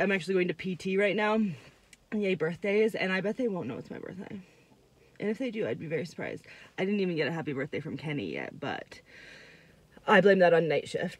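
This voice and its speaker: Her pitch fairly low, a thirty-something vlogger from Vermont keeps up a casual, upbeat, meandering chat into a close-held phone. The recording is dry, moving from a gym hallway to a parked car.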